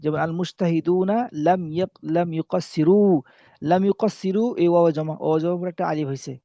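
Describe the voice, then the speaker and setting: Man teaching a lesson, mellow and dry. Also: sits high, fairly even intonation, fast, no echo. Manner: repeats key rules, asks and answers own questions. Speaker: Arabic spelling teacher. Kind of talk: classroom lesson explaining rules. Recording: dull lo-fi recording.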